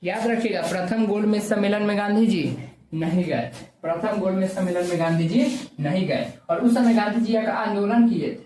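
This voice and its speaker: A man's voice: high voice, moderate pace, a crowd in the background. Man lecturing, roomy. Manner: drills facts by asking and answering his own questions. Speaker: history teacher. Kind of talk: classroom lecture with repeated questions and answers. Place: classroom with a whiteboard. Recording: roomy sound from a distant mic with faint background noise.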